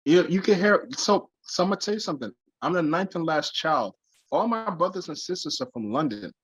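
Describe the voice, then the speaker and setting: A middle-aged man from Brooklyn, a guest singer, telling lively stories in casual chat, often repeating his words. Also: a little high, brisk, breathy edge, no room sound, low-quality recording. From Brooklyn, United States. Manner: animated storyteller, repeats words, calls people man.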